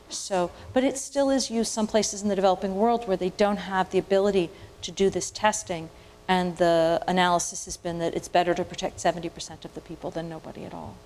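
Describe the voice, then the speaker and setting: A woman physician giving a public lecture with audience questions, in an explanatory, measured way and often restarting phrases as she thinks. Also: lowish voice, a little mellow, a little hiss or hum. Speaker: physician speaker. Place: university event room with audience.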